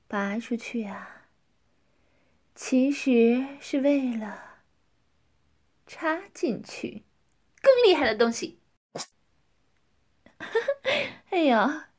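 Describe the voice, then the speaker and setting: A woman playing a domineering, scornful young woman in an adult audio role-play, taunting with drawn-out questions. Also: sits high, exaggerated voice. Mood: teasing.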